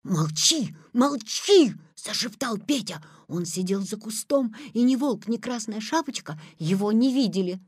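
Woman reading kids' story, very expressive, swoopy voice, close dry mic. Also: medium pitch, moderate pace, hardly any pauses, slightly rough, dry recording.

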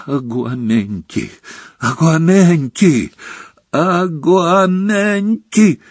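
A man voicing a desperate teenage boy wizard who pleads and shouts frantically. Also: a little high, sing-song, slow, husky, no echo, studio quality, pitched above the performer's own voice, full character voice.

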